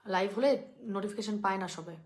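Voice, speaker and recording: A woman's voice: mid-range voice, fast talker. A young woman hosting a live shopping stream on her phone, chatting through skincare prices and answering viewers. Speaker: online skincare seller.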